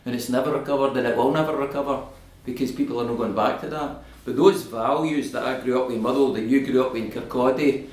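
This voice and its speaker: In an echoey community hall, a Scottish guest speaker in his fifties gives a passionate political talk to a local crowd, building toward emphatic oratory. His voice sits at a medium pitch with a steady, somewhat dark tone, and he talks quickly.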